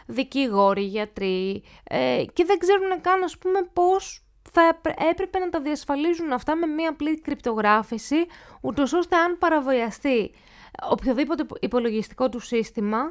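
A woman with a high-pitched voice is a guest expert in an interview. She explains cybersecurity in plain terms and leans on everyday examples to make each point. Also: lively intonation.

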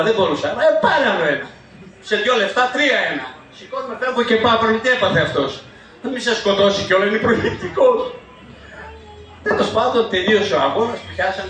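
An older man telling lively travel anecdotes, quoting people and chuckling through his stories. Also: high voice. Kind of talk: anecdotal storytelling. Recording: echoey room from far off, crowd behind.

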